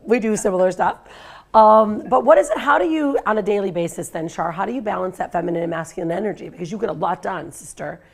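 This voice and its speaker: A woman's voice: medium pitch, fast talker, creaky. A middle-aged woman hosting an interview, asking questions in an enthusiastic, affirming way. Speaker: host. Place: studio set with armchair.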